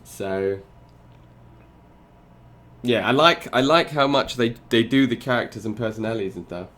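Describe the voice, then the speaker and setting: A man's voice: mid-range voice, moderate pace, a bit bright. A man streaming live, reacting to a video with sarcastic commentary, laughing often and talking to his chat.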